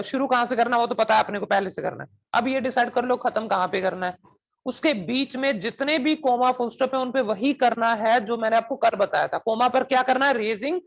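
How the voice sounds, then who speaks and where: A man teaching a coaching class, constantly asking students whether they understand and drilling them with questions. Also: very high voice. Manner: switches between Hindi and English demonstration phrases.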